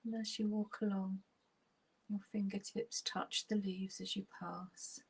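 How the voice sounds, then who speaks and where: The recording is low quality, but the woman's soft, husky near-whisper comes through as she leads a relaxation meditation. She keeps a mid-range voice and a level tone, unhurried and calming, with long gaps between lines.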